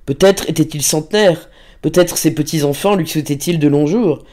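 A man reading a classic novel aloud as an audiobook narrator, measured and expressive. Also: fairly high pitch.

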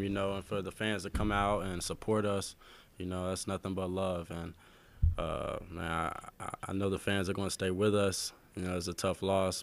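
Young man with a deep gravelly voice. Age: young adult. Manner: halting, many fillers, subdued. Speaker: college basketball player. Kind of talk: postgame press conference answers. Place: press room with sponsor backdrop, indoors. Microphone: desk mic.

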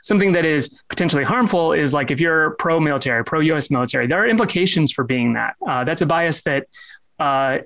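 A young man giving a casual online presentation, halting, with many fillers and restarts, and joking about himself. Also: on the high side, sharp tone. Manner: self-deprecating humor.

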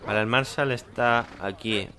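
A man's voice: mid-range voice, moderate pace, noisy background. A man with a Spanish accent from Spain giving casual, chatty gameplay commentary and thinking aloud.

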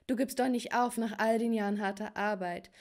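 A woman voicing a stern, forceful middle-aged mother in an animated story, speaking emphatically. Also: on the high side, fairly quick, natural voice. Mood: resolute.

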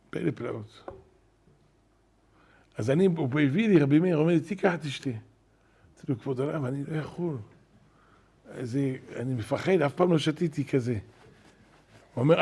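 An older man, a rabbi, telling wonder stories in a sermon at a synagogue, animated, acting out what people said. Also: on the high side, gravelly, slightly rough. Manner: animated storyteller, acting out quoted shouts. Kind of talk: storytelling sermon.

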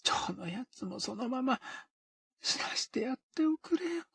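A man voicing a bedridden, dying woman who speaks slowly and listlessly in a dry, rasping half-whisper. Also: high voice, lively intonation, pushed and bright, dry recording, pitched above the performer's own voice, heavily acted. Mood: weary pleading. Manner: slow, listless, pleading.

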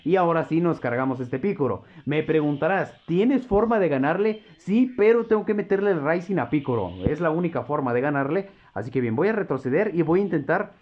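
A man's voice: fairly high pitch, lo-fi sound. A man commentating his own mobile game match, joking and swearing at the opponent. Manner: excitable, swears and jokes at opponent. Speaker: gameplay commentator. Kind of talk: live mobile gameplay commentary.

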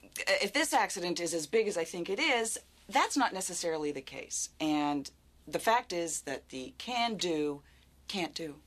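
Low-voiced woman expert, measured and formal. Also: expressive, fairly bright tone. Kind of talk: scripted comedy series acting.

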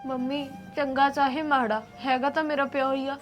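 A young woman playing worried Punjabi daughter, high, pleading, faint music. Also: little pitch movement, moderate pace, natural voice. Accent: Punjabi (Malwa). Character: worried teenage daughter, tearful. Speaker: actor in a short film.

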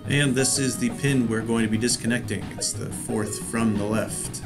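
A man giving calm step-by-step tutorial voice-over narration. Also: mid-range voice, moderate pace, over music.

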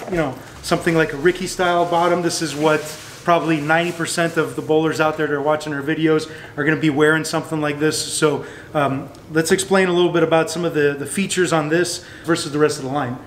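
A man's voice: a little high, fairly even intonation, fast talker, hardly any pauses, a little hiss or hum, rough recording. A young man hosting a casual product interview in a store, guiding and recapping points. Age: young adult. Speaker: host. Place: bowling shoe store, indoors.

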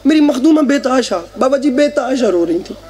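A man with a Punjabi accent delivering a mourning sermon at a live gathering, full of fervent emotion. His voice sits notably high for a man, and he leans into each line with pleading intensity. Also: lively intonation, normal speed, darkish tone. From Pakistan. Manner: emotional, repeatedly swearing by God, mixing Urdu and Punjabi. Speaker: zakir reciting at a mourning majlis. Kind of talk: impassioned mourning sermon recitation.

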